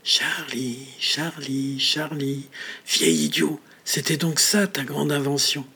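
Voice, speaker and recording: A man's voice: a little high, steady tone, slow, pushed and bright, breathy edge, exaggerated voice. A man playing a stammering man trapped in a coffin. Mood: amused. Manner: agitated, stammering. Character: panicky middle-aged man trapped in coffin.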